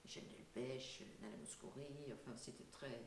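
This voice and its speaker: A woman's voice: rumbling low, fairly even intonation, normal speed, vocal fry, reverberant, noisy background. An older woman being interviewed, talking casually and hesitantly with many fillers and light laughs. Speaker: singer and voice actress, guest.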